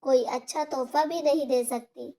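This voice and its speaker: A woman voicing a gentle, trusting old mother. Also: high voice, fairly even intonation, moderate pace.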